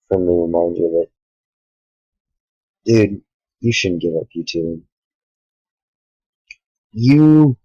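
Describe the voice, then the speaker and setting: A tired young man talking earnestly to the camera late at night, a small YouTuber speaking in halting sentences with sighs. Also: sits low, a little mellow, dry recording, poor audio. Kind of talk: sincere direct-to-camera talk.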